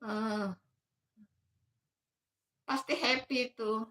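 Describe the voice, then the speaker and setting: A woman in her fifties with a Makassar Indonesian accent hosts a casual phone livestream from her bedroom. Her voice sits high and sounds bright and forward. She reads out viewer comments in a chatty, motherly way and often laughs between remarks. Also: fairly even intonation, drawn-out words. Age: 50s. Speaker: livestream host. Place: bedroom at home.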